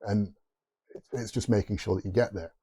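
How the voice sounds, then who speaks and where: A man's voice: on the low side, steady tone, moderate pace, warm tone, breathy edge. A man with a Geordie accent hosting a tech video, explaining ideas off the cuff with restarts and rhetorical asides. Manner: rambling, restarts mid-thought, rhetorical asides. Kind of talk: unscripted explainer to camera.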